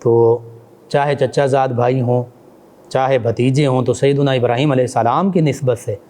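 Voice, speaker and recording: A man teaches in a calm, explanatory lecture style, pausing often with hesitant fillers. His voice is mellow and dark at an ordinary pitch for a man. He adds reverent honorifics to the names he mentions. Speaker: religious scholar. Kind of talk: religious lecture.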